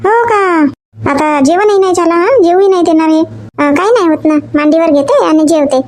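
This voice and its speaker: A woman acting in a comedy sketch, complaining and nagging in rapid chatter. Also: very high voice, a little mellow, slight background noise. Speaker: comic actor.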